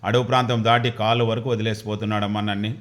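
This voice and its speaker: A man's voice: fairly low pitch, flat delivery, fast talker, lightly acted. A man voicing a frightened young village schoolboy who pleads and sulks as he tells a devotional story. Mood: cheerful.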